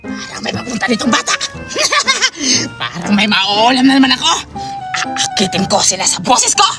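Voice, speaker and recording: A woman voicing a hungry female sea creature in a cartoon who cackles slyly as she lures children, over loud music. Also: fairly high pitch, big pitch swings, brisk, recorded from a distance. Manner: cackling, sly. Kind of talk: animated cartoon dialogue.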